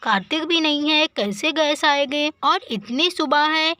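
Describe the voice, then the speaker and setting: A fussy, kind village aunt, voiced by a woman in a doll story, talking in a high, bright, motherly way. The sound is close and dry. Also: expressive, a little slow, no echo, exaggerated voice. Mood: fussing. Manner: soothing, fussing, motherly.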